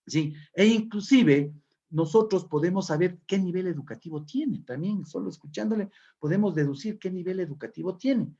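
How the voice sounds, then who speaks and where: A man lectures a class in a fairly high, husky voice. He explains patiently and keeps checking in with the listeners. The sound is dull and lo-fi. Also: darkish tone. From Ecuador. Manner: explanatory, frequent checking questions. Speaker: teacher. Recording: dull lo-fi recording.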